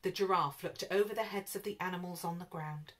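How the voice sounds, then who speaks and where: A woman storyteller reading a children's picture book aloud in an expressive, lively way. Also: lowish voice, brisk.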